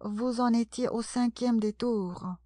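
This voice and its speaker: A woman's voice: on the high side, fairly even intonation, slow, warm tone, no room sound, clean studio sound. A woman reading aloud and voicing an eager, polite young girl in a storybook. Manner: eager, apologetic.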